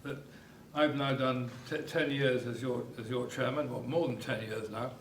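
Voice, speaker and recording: This older club chairman welcomes people informally, wandering a little and hesitantly repeating himself. His medium-pitched voice has vocal fry, fairly even intonation, and a moderate pace. The setting is an echoey hotel meeting room, recorded from a distant mic with faint noise and echo.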